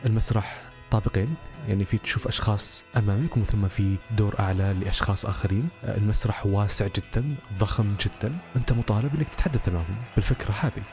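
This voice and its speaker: A man's voice: lowish voice, rapid-fire, music in the background. A man telling a personal story casually on a podcast, with many rhetorical questions.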